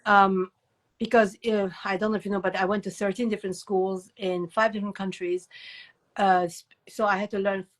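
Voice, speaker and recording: A chatty older woman, a guest author and educator, gives conversational interview answers at a moderate pace and medium pitch. She's an animated storyteller who digresses and repeats herself for emphasis.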